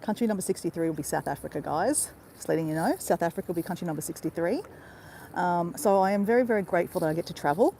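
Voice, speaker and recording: A woman's voice: on the low side, fast talker, mellow, slight background noise. Chatty Australian woman vlogging outdoors. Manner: chatty, addresses viewers as guys constantly. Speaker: travel vlogger. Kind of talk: casual live-stream chat. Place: outdoors in a park by a river.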